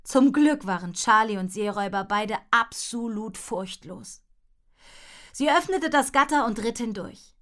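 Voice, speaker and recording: A woman reading a children's adventure story aloud in an expressive, steady narrating style. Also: medium pitch. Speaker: audiobook narrator.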